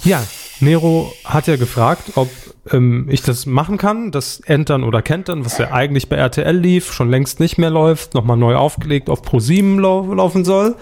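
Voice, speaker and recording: A man's voice: fairly high pitch, lively intonation, moderate pace, vocal fry, darkish tone, slight background noise. A man co-hosting a casual podcast, joking around and reading listener comments aloud. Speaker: podcast co-host. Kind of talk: casual chat.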